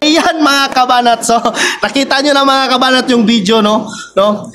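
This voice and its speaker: A man's voice: very high-pitched, moderate pace, over music. A man giving casual commentary to his viewers, constantly addressing them and tagging his lines with a questioning "no?". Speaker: vlogger, political commentator.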